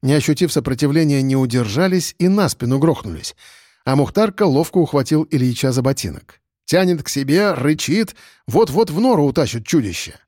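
A man's voice: on the high side, expressive, a little fast, a little mellow, no room sound, studio quality. A man giving wry, slangy first-person audiobook narration.

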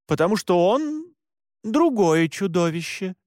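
A man's voice: high voice, very animated, unhurried, dry recording, clean studio sound, voice pushed up. A man voicing a stern, blunt female monster hunter in an audiobook, firm and lecturing. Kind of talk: audiobook character voice.

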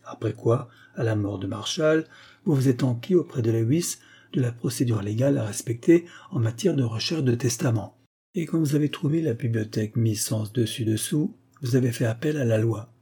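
A man voicing a composed, ironic gentleman who calmly lays out a swindler's fraud in a spoken story. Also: mid-range voice, slightly rough. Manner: calm, pointed, unhurried accusation.

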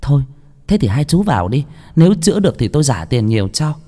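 A man voicing a scornful middle-aged farmer's wife in a ghost story, with a high, brusque voice. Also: sing-song, quick pace, mellow. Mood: curt.

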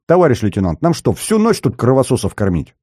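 A man's voice: medium pitch, wildly swooping pitch, brisk, warm tone, husky, no room sound, studio quality, pitched above the performer's own voice. Injured young soldier, plaintive whine, groaning complaints, played by a man. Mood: whining.

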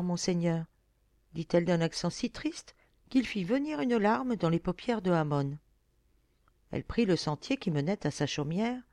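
A woman reading an audiobook aloud with expressive storytelling. Her pitch moves in a lively way, and the recording is close and dry. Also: no room sound. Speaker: audiobook reader. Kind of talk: audiobook narration.

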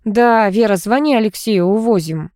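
A woman voicing a brisk, matter-of-fact male ambulance doctor who gives curt, businesslike instructions in an audiobook. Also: medium pitch, darkish tone, dry recording, clean studio sound, close to an everyday voice.

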